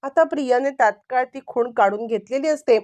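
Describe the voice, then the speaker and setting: A woman with a somewhat high voice recaps a television drama episode as a spoken story. She narrates steadily and lifts her voice higher for the quoted lines. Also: fairly quick, darkish tone. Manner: retells the scenes, often lifting her voice for quoted lines. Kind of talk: storytelling recap with dialogue read aloud.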